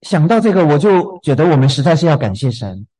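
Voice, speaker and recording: A man preaching a sermon in a gentle, unhurried way, often repeating a word as he starts a thought. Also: fairly high pitch, very animated, breathy edge, rough recording. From southern China.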